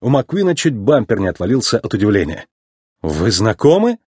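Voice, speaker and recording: A man narrates a storybook with an expressive, animated delivery. His pitch swings widely and his voice has a husky grain. The recording is close and dry. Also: quick pace, no room sound. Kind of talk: storybook reading.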